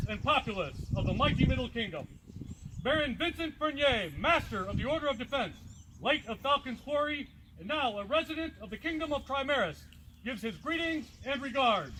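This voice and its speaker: A man's voice: extremely high pitch, background noise. A man reading out a flowery formal ceremonial speech in a pompous, theatrical, grandiloquent manner. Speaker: proxy reading a letter.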